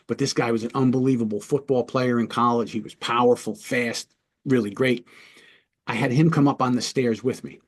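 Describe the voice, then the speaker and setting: A man, a police lieutenant and trainer, teaching through a story in a conversational way, often checking in with his listeners. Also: medium pitch. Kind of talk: instructional storytelling talk.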